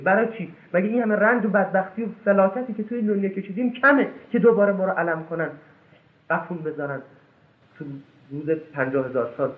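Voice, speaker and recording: A man preaching an impassioned sermon, reciting scripture verses slowly and swinging between loud high outbursts and low hushed asides. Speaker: religious lecturer. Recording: echoey, tinny lo-fi recording.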